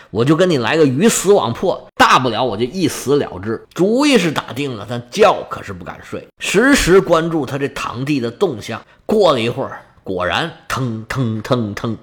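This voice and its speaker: A man's voice: medium pitch, a bit bright. A man telling a history tale in a dramatic, colloquial storytelling style.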